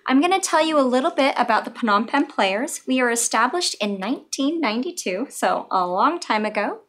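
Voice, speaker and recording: A woman's voice: sits high, animated, fairly quick, fairly bright tone. A young woman, co-director of a community theatre group, introducing the company and its sponsors in a friendly, matter-of-fact way. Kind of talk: scripted introduction to a streamed play.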